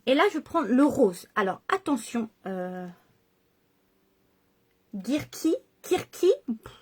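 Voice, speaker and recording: A woman chatting casually while demonstrating a makeup look, self-deprecating and pausing with fillers. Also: on the high side, lively intonation, a little mellow, breathy edge. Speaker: makeup vlogger. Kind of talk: casual makeup tutorial chat.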